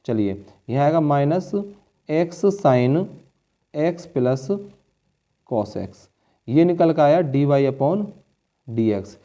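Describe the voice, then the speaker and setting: Patient maths teacher, dark voice. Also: male voice, medium pitch, expressive, drawn-out words, long pauses. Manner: patient, repeats steps and checks in often; addresses students as children. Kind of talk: board exam maths lesson.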